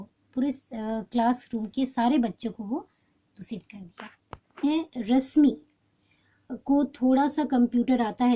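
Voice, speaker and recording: A woman's voice: a little high, mellow. A woman teaching a grammar lesson to schoolchildren, explaining step by step, repeating each answer and mixing in English words.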